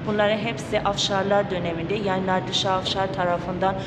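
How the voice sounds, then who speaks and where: A woman's voice: medium pitch, little pitch movement, brisk. A woman giving a casual, guide-like explanation, hesitating as she searches for words. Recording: very noisy, vehicle ambience.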